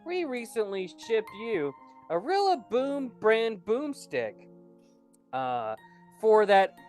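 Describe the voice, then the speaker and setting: Playful woman podcast host, slow lively delivery. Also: faint music behind. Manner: jokey, lively pitch. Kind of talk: casual chat.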